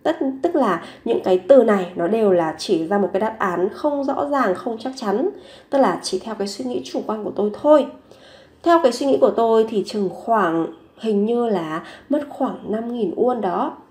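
A woman language teacher explaining grammar patiently, repeating example phrases slowly and clearly. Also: fairly high pitch, lively intonation, darkish tone. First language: Vietnamese. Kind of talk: teaching Korean grammar in Vietnamese.

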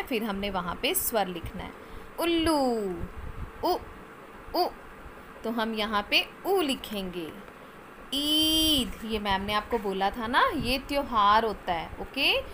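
A woman's voice: a little high, fairly bright tone, a little hiss or hum. A woman with an Indian accent teaching young children in an online lesson, drawing out vowel sounds and coaxing them along. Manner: slow, drawn-out sounding of vowels; coaxing, calls the child "beta". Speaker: kindergarten teacher.

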